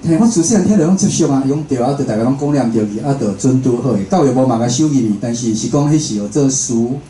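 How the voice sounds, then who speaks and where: Speaking quickly and expressively, this man has a medium-pitched, dark voice and a Taiwanese accent. He's a radio host keeping his public talk loose and chatty, frequently checking in with the audience, in an indoor space that sounds roomy with a little background noise.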